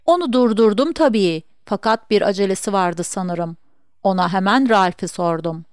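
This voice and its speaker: A woman's voice: mid-range voice, moderate pace, clear, resonant tone, no echo, clean studio sound, lightly acted. A woman voicing a gossipy, proud middle-aged sister in an audiobook reading, with eager, insistent chatter. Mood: self-satisfied.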